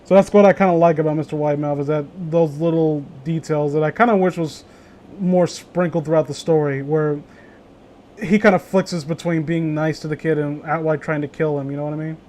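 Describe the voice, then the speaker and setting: Slightly high with fairly even intonation, a little mellow and fairly quick, this man is a streamer who hosts a group story reading. His casual chat rambles, is full of opinions, and is laced with profanity.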